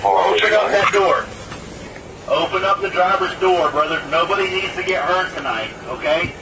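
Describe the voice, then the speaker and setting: Man commanding over a police loudspeaker. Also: sits high, moderate pace. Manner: firm repeated commands mixed with calm pleading. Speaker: police lieutenant negotiating with a suspect. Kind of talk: live police standoff negotiation. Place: outdoors at a roadside scene. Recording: distant loudspeaker voice over roadside noise.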